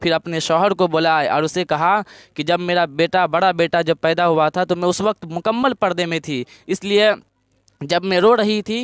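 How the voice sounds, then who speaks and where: A man's voice: sits high, normal speed, clear, resonant tone, no room sound, studio quality. A man preaching a sermon, retelling a moral story in plain words and repeating phrases for emphasis. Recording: background music under the voice. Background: music.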